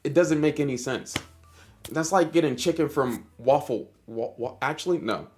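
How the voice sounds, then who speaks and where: A man's voice: on the high side, normal speed, darkish tone, faint music behind. A man, streaming a casual chess lesson, joking with his chat in a hyper way.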